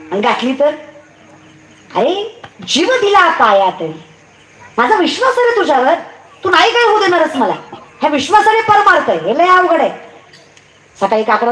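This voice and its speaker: A young woman, giving a comic devotional sermon and teasingly quizzing the crowd from a live stage. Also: a little high. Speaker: kirtan performer. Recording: echoey live event, clear noise.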